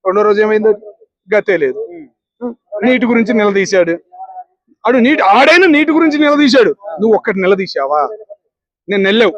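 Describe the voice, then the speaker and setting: A man, answering a street interview with combative, rapid-fire rhetorical questions. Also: sits high, animated, no room sound, dull audio.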